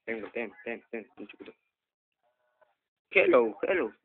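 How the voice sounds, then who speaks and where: A man's voice: medium pitch, animated, measured pace, slight background noise. A young man with a Mexican Spanish accent commentating a horror game, swearing nonstop and yelping in panic. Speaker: gamer host. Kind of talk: let's play commentary. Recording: tinny lo-fi phone recording.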